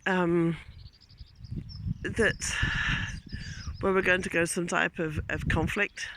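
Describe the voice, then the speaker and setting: A man with a high-pitched voice speaks slowly in a steady tone, with background noise around him. A teacher on a casual countryside walk, he films a vlog monologue on a handheld phone, rambling reflectively and losing his train of thought.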